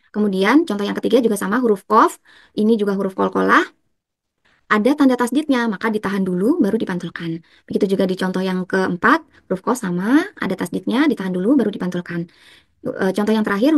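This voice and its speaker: A woman's voice: mid-range voice, no room sound. Young woman, patient tajwid teacher, dry close sound. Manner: patient, repetitive explanation, slows to chant examples. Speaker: Quran recitation teacher. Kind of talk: explaining tajwid rules step by step.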